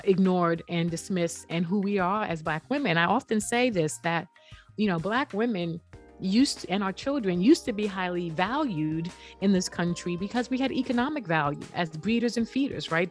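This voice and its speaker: A woman's voice: on the low side, animated, normal speed, faint music behind. A woman guest on a podcast interview, explaining earnestly and often saying "you know.". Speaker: guest, app founder.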